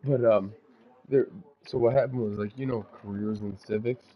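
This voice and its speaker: A man's voice: on the low side, steady tone, moderate pace, a crowd in the background. A young man from Ontario, Canada, chatting over a phone mic while gaming, telling rambling, profane stories that he keeps restarting. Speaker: gamer chatting with a friend. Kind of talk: casual gaming chat, storytelling. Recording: dull lo-fi voice chat.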